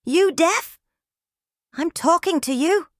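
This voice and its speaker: A woman voicing a large, angry, bearded man who shouts threats at his ex-wife's boss in an audiobook. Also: lowish voice, expressive, moderate pace, no room sound, clean studio sound, close to an everyday voice. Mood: shouting. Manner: shouting, menacing. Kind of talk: audiobook character voice.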